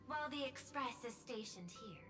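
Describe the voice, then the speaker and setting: A woman's voice: fairly high pitch, lively intonation, normal speed, music in the background, lightly acted. An actress voicing a poised, calculating woman CEO in a video game, formal and faintly menacing.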